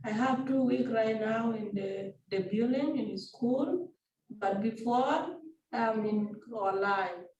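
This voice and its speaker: A woman speaks slowly in simple, hesitant learner English, with a fairly high voice. She sits away from the mic in an echoey room. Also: darkish tone, far from the mic, dull audio. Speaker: language learner.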